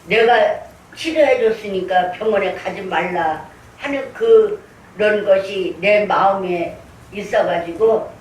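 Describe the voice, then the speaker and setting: A woman's voice: mid-range voice, takes it slowly. An older woman pastor preaching a sermon, earnestly telling her own story and acting out her prayers. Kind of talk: sermon with personal testimony. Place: church sanctuary. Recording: echoey room, distant mic, faint noise.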